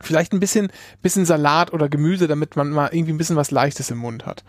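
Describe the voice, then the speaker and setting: A man in a casual podcast chat, thinking aloud in a halting way as co-host. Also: fairly high pitch, no echo.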